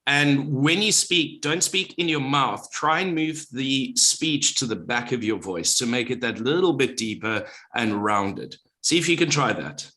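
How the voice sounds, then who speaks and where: A man's voice: mid-range voice, expressive, measured pace, few pauses, bright, forceful tone. A middle-aged man, a former radio presenter, speaking as a guest on a podcast in a confident, well-projected delivery. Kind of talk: podcast interview.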